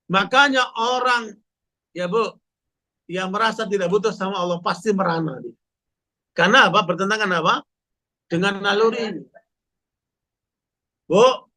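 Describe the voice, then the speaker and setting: A man preaching to a women's study group, animated and full of rhetorical questions, often calling out to his listeners. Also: high voice. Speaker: Islamic preacher.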